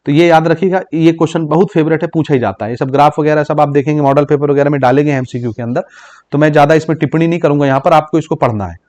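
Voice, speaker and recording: A physics teacher from Chhattisgarh, India, speaks in a higher, somewhat mellow voice during exam prep. His explanations combine Hindi with English terms; he repeats "ठीक" ("okay?") to make sure students follow and slowly reads English exam questions aloud.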